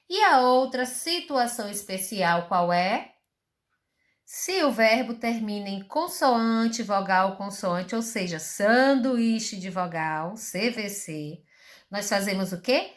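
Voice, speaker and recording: Brazilian woman teacher, fairly high voice, slow and patient, asks rhetorical questions. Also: fairly bright tone. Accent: Brazilian Portuguese. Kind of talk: recorded school lesson.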